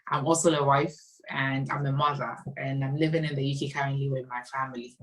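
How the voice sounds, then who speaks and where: A young woman with a Ghanaian accent speaks in a low voice, friendly and chatty, often laughing and repeating herself as she gets going. She sounds a bit far from the microphone. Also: flat delivery, a little fast. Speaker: guest, nurse. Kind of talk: casual interview.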